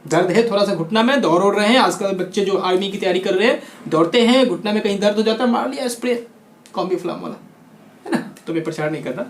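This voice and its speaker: A man from India teaching spoken English pronunciation, lively, asking and answering his own questions. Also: sits high, quick pace. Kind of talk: spoken-English lesson in Hindi. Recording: echoey room.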